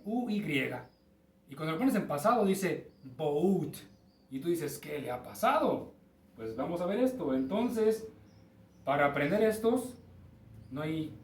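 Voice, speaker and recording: A man's voice: on the high side, darkish tone, distant mic. A man with a Mexican Spanish accent teaching an English lesson, explaining step by step and checking in with his students. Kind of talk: recorded class lesson. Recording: roomy, from off-mic with faint ambience.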